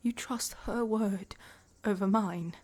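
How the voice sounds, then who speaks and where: Playing a betrayed, proud queen-consort figure in a fantasy roleplay, a woman speaks slowly in a mid-range, slightly mellow voice. Indignant, bitter and heartbroken, she levels her accusations in a breathy, half-whispered way.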